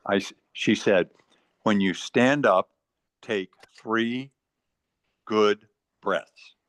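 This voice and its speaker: Halting 85-year-old man, low voice. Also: a bit bright, no room sound. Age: 80s. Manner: halting, repeats words, earnest advice. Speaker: meeting participant. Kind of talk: casual group chat. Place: retirement community.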